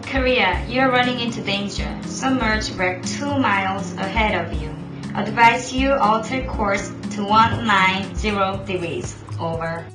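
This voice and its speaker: In an echoey room with music in the background, a woman performs as a port control operator on a marine radio call. Her mid-range voice is unhurried, and she sticks to clipped, formal radio procedure throughout the scripted maritime role-play.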